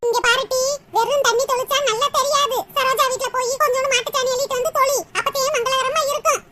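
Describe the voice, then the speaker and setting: A woman voicing a squeaky bossy mother-in-law. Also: steady tone, quick pace. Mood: scolding. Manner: scolding, bossy. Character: bossy nagging older village mother-in-law. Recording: loud background noise.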